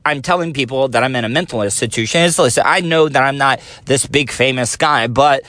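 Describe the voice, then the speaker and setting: A man in his forties rambles a little fast through his casual solo podcast, often self-deprecating. His thin voice is mid-range with a fairly bright tone, and the phone recording is dry.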